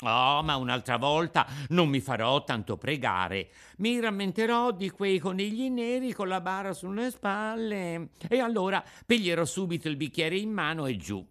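A man voicing a stubborn, whining wooden puppet boy in a storybook reading, pitched well above his own voice. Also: sing-song, normal speed, few pauses, fairly bright tone. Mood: cheerful. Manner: whining, shrill protests.

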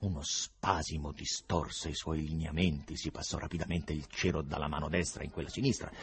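A man reading a novel aloud as audiobook narration, in an expressive literary style. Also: very deep voice, brisk, slight background noise. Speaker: audiobook reader.

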